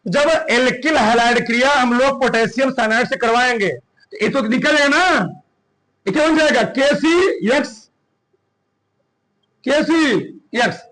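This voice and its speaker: A man teaching a class, firing short questions at his students one after another. His voice sits very high and rings bright and forceful. He drills the class in a lively, commanding way. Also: poor audio. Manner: quizzing students with rapid questions. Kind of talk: classroom chemistry lesson.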